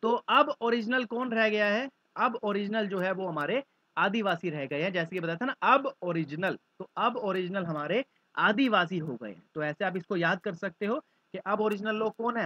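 A man's voice: high-pitched, moderate pace, no echo, dull audio. A male teacher explaining vocabulary through mnemonics, acting out little scenes as he goes. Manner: lively, acts out little scenes.

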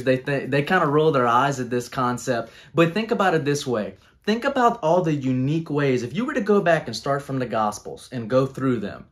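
A man in his thirties, earnest and coaching in tone, talking about leadership on a video call from a small room at home. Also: medium pitch. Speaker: guest speaker on leadership.

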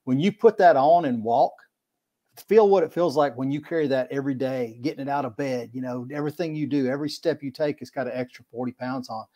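A kayak angler appears as a podcast guest in a casual video-call interview, picked up by a webcam mic. He rambles in a folksy way and repeats words, his medium-pitched, mellow voice moving briskly.

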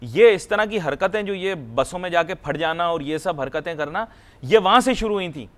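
Chatty, higher-voiced male show host. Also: lively intonation, normal speed. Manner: chatty, jumps in, tells anecdotes. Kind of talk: studio discussion.

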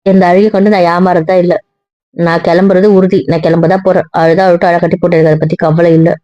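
A woman's voice: lowish voice, flat delivery, quick pace, mellow, dry recording, muffled recording, close to an everyday voice. A woman playing a stern young wife who is fed up and scolding firmly. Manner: firm, scolding, clipped. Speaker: angry wife in audio drama. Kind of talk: Tamil audio drama acting.

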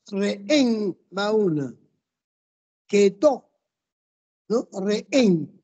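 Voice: medium pitch, a little mellow, lo-fi sound. A teacher in a classroom, methodically walking students through rules step by step and quizzing them on the answers. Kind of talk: classroom lesson.

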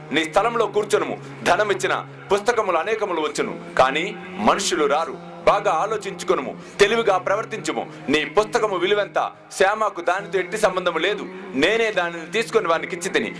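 A man's voice: high voice, a bit bright. A man voicing a stern old holy man. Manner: slow, archaic formal scolding. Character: revered old male saint, stern but patient. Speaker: spiritual teacher.

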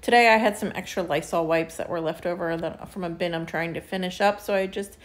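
A woman's voice: fairly low pitch, fairly even intonation, brisk. A woman in her thirties chatting casually through a home organizing vlog, laughing lightly mid-sentence. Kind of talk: casual voice-over narration. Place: home kitchen with pantry, indoors.

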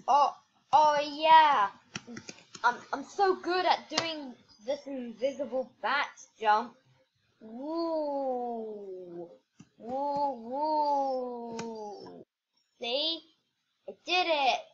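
A teenage girl giving casual gameplay commentary, playful and muttering with excited outbursts. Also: high-pitched, drawn-out words, pauses often. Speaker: gamer. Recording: dull lo-fi mic with clear background noise.

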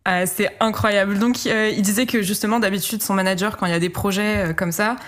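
A relaxed woman acting as translator on a talk show. She speaks in a casual, conversational way, with easy fillers. She sums up what the guest said in plain, friendly speech. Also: mid-range voice, brisk. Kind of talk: casual live interpreting.

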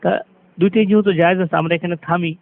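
Man, high voice, recitation teacher, patient step-by-step explanation, tinny phone-like sound. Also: steady tone. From Bangladesh. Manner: explains rules, then chants verses slowly and drawn out.

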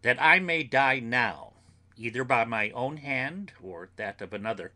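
A man reading an audiobook, voicing an anguished, earnest young woman who pleads solemnly and slowly with her friends. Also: lowish voice, sharp tone, heavily acted. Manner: solemn, slow, pleading delivery.

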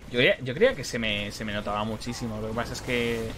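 A man's voice: medium pitch, fast talker, a bit bright, a little hiss or hum. A man with a Madrid Spanish accent giving casual, rambling commentary while streaming a game, full of self-mocking jokes. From Spain. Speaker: gaming streamer.

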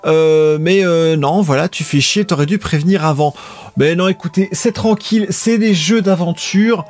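A man hosts a live stream in an easygoing, rambling way, talking straight to his viewers. His voice sits a little high for a man. Faint music plays quietly behind him. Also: moderate pace. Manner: laid-back, rambling, chatting with viewers. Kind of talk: casual live-stream chat.

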